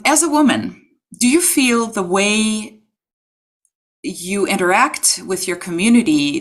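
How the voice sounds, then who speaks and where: Woman, middle-aged, slightly low voice, articulate host, webcam interview at home. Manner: articulate and warmly admiring, longer framed questions. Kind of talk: hosting a video-call interview. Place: home room with bookshelf and red rug. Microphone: video call webcam.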